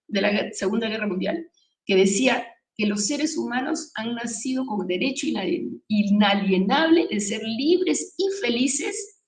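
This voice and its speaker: A woman giving a spiritual talk to an audience, emphatic and preaching, with many rhetorical questions, recorded from some distance in an echoey room. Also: a little high. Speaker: spiritual speaker. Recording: echoey room, voice from far off the mic.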